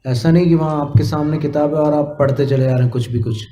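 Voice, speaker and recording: A man, a monk, teaching how to recite a Sanskrit hymn, chanting lines slowly and correcting pronunciation. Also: fairly high pitch, fairly even intonation, dark tone, reverberant. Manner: slow melodic chanting, then quick corrections. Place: temple hall.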